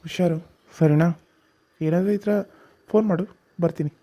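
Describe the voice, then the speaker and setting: A man voicing a calm, kindly village doctor, speaking slowly and solemnly in a cartoon serial. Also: fairly high pitch, dry recording, lightly acted. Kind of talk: Kannada cartoon serial voice acting.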